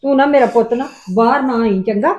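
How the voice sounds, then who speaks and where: A woman's voice: fairly high pitch, brisk, darkish tone, lo-fi sound, natural voice. A woman with a Punjabi accent playing an older village mother who pleads with and protects her son. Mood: worried pleading. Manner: coaxing, repeated pleading. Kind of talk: family drama dialogue.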